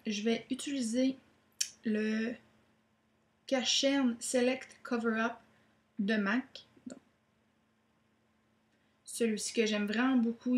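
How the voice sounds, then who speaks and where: A woman's voice: on the high side, echoey room. A woman gives a chatty makeup tutorial, with many "donc, euh" fillers. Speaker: beauty vlogger.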